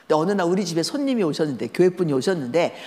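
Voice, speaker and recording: A woman's voice: on the low side, racing. A woman giving a storytelling sermon at a church seminar, talking conversationally and asking the listeners questions. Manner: lively, conversational, asks the audience questions. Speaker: guest lecturer at a church seminar. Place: large church sanctuary. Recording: echoey church hall.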